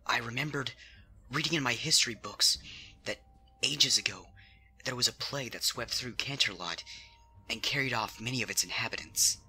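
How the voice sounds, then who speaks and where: With background music running under him, a man delivers dramatic scripted horror narration at a moderate pace. His mid-range voice has a sharp tone, and the rough recording picks up a little hiss or hum.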